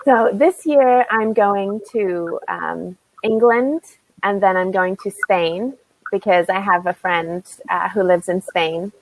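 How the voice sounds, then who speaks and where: An American woman from the United States, working as an online English tutor, chats through a casual video-call lesson at an unhurried pace, laughing lightly between sentences. Her voice is medium-pitched, and the recording quality is low.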